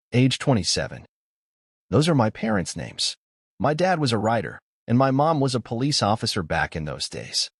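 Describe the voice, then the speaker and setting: A man reading a scripted horror story aloud as narrator, with a lively, expressive delivery. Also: on the low side, breathy edge, no room sound, clean studio sound.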